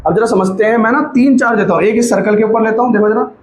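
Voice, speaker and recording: A male physics teacher with a high-pitched voice lectures at a board very fast, with fairly even intonation, going step by step, repeating himself, and coaxing students to keep up. He keeps checking that they follow and slips in light teasing asides. His voice rings in an echoey room with faint noise behind it.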